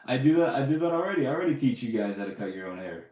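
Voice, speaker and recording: A man's voice: mid-range voice, sing-song, very fast, darkish tone. A man hosting a casual live podcast, chatting loosely with lots of fillers and restarts. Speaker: podcast host answering live questions. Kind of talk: casual livestream chat. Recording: roomy echo.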